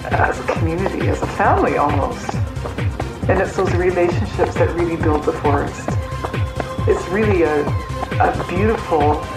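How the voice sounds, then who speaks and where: Low-voiced woman researcher over loud music. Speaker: forest ecologist, researcher. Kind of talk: explaining research in a documentary. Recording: loud music bed, roomy sound.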